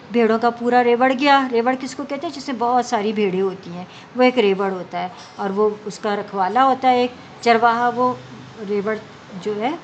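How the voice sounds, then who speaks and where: A woman teacher reads a story to young pupils, explaining each line in simple words. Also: medium pitch. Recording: dull lo-fi recording with faint background hum.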